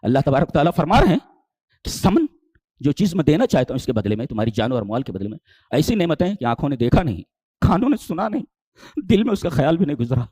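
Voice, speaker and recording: A man delivering a sermon. His pitch swings widely, jumping to emphatic highs and sinking low. The sound is dry and close, with no room echo. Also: slightly rough. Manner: animated, rising to high emphatic peaks then dropping low, rhetorical questions. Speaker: Islamic preacher. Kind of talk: Urdu sermon with Quranic exegesis.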